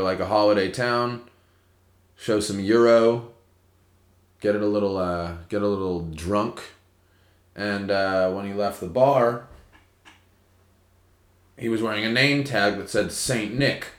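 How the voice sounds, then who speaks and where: A man co-hosting a podcast in playful, teasing, swearing casual chat. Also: fairly low pitch. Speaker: podcast co-host. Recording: echoey room.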